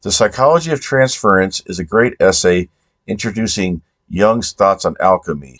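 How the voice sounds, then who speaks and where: A man's voice: low-pitched, dry recording. A man speaking in a casual, plain-spoken, informal way as he introduces a video he made. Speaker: video creator.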